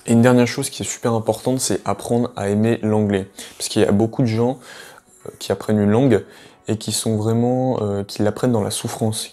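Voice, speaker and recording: Speaking to the viewer in a casual video lesson, a man who teaches English chats along with plenty of hesitations. His voice is mellow and on the low side.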